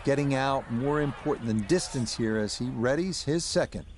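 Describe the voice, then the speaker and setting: A man with a mid-range voice, speaking at normal speed and only lightly acting, plays a composed play-by-play golf commentator in a video game broadcast. He sounds calm and approving, with game music and crowd noise behind him.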